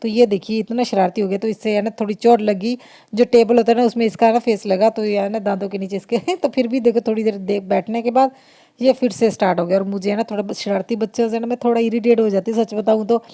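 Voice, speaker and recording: A woman's voice: mid-range voice, steady tone, quick pace, warm tone. A woman vlogger and mother chatting through a casual voice-over of her family video, laughing often and restarting her sentences.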